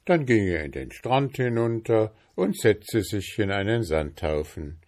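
Slow, low-voiced male storyteller. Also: animated, a little mellow. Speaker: narrator. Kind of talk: fairy tale reading.

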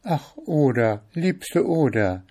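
A man's voice: fairly high pitch, big pitch swings, takes it slowly, darkish tone, pitched above the performer's own voice, full character voice. A man voicing a wheedling enchanted snake. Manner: wheedling, repetitive begging. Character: coaxing enchanted male snake. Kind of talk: storybook reading.

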